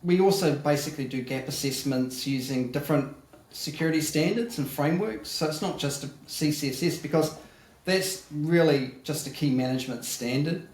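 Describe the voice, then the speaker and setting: A man's voice: on the high side, moderate pace, darkish tone, reverberant, rough recording. A man, a guest security auditor, explaining his work plainly with many ums. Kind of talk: casual interview answers.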